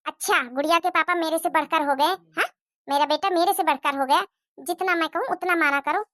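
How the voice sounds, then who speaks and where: A woman's voice: very high voice, fairly quick, a bit bright, no echo, studio quality. A woman voicing a scolding, stingy middle-aged mother-in-law who nags and complains. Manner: nagging, scolding.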